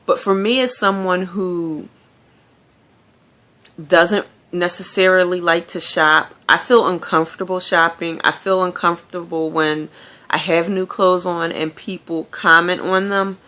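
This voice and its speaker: Chatty woman vlogging, bright low voice. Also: fairly even intonation, measured pace. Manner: chatty, candid storytelling with many fillers. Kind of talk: casual video diary chat.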